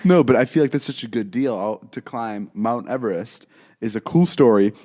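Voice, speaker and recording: A young man co-hosting a podcast, trading quick, joking banter and laughing often. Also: medium pitch, warm tone. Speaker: podcast co-host.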